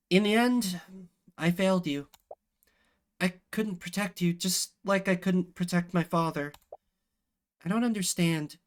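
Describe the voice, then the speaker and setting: A man voicing an earnest, devoted companion in a video game, with a halting, heartfelt, sorrowful delivery. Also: sits high. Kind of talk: dramatic visual novel game acting.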